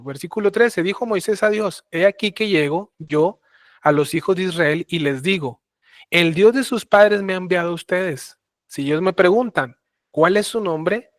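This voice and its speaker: A man giving a Bible teaching talk, explaining slowly with many fillers and restarts. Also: sits high, a bit bright, no echo, studio quality. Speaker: preacher.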